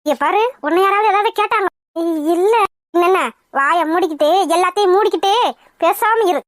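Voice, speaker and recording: A woman's voice: very high-pitched, fairly quick, slight background noise, voice pushed down. Woman doing a fierce old cartoon mother-in-law. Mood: scolding. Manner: scolding, threatening. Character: sharp-tongued old village mother-in-law. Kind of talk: cartoon voice acting.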